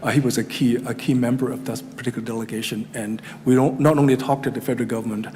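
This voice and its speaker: A man's voice: mid-range voice, fairly even intonation, fast, warm tone. A middle-aged man with a Chinese accent giving a formal presentation to a town council, speaking hesitantly with many fillers and restarts. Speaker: regional economic development presenter. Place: council chamber. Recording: hall reverb with faint room noise.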